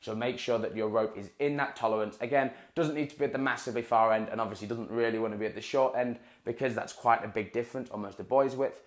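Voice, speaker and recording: A man's voice: medium pitch, fairly even intonation, fast talker, hardly any pauses. A young man giving a casual instructional talk to camera, explaining equipment and repeating words for emphasis, recorded on a lapel mic in a small indoor room. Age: young adult. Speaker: water-ski coach. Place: small indoor room in front of a dark wall. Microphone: clip-on lapel mic.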